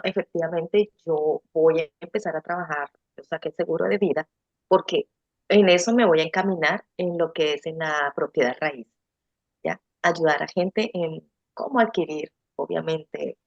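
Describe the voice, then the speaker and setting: A woman telling her exam story in an emotional, expressive testimonial interview over a video call. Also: fairly low pitch, no echo, dull audio. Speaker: student who passed licensing exam.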